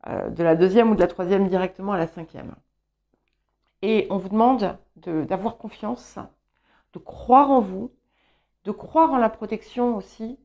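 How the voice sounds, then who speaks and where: A woman whose first language is English, giving a calm, reflective tarot guidance reading with gentle encouragement. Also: medium pitch. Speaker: tarot reader.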